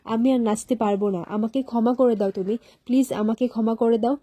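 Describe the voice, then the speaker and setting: Brief: woman playing frightened begging uncle, husky, mellow tone. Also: a little high, fairly even intonation, a little fast. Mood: pleading. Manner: begging, repetitive pleas. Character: remorseful older uncle, frightened and pleading.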